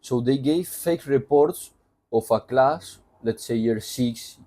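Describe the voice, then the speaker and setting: A man from Spain takes his time recapping a book, speaking in a dark, mid-range voice with a Spanish accent. As a reviewer, he keeps it casual and conversational, with many asides.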